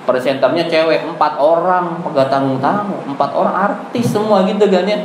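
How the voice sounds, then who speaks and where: A man's voice: a little high, moderate pace. A male preacher giving a chatty, joking sermon in a mosque. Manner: chatty, joking, lively storyteller. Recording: echoey mosque hall, faint background noise.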